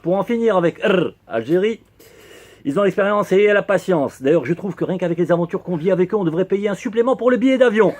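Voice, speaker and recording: Man, high voice, ironic satirical monologue. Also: animated, quick pace, a little mellow. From Algeria. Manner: ironic, sarcastic punchlines. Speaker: humor columnist.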